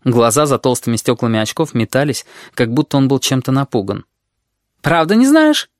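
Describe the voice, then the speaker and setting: An audiobook narrator giving a steady storytelling read. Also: medium pitch, fairly quick, no echo, clean studio sound. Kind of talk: scripted narration.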